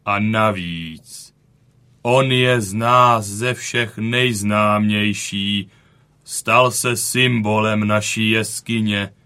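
A man voicing a wounded old male bison from a cave painting in a children's audio story. He speaks slowly, with weary dignity. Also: on the low side, fairly even intonation, bright, forceful tone, clean tone. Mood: weary, proud. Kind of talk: audiobook character reading.

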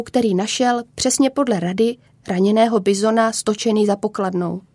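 A woman narrating a children's story in a calm, measured way. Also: mid-range voice, slightly rough, no echo.

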